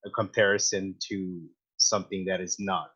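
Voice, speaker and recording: A man's voice: deep voice, little pitch movement, moderate pace, a bit bright, breathy edge. A man in an online workshop, suggesting ideas tentatively and restarting his sentences. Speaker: workshop participant. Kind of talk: casual discussion. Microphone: video call, no webcam. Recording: dull lo-fi call audio.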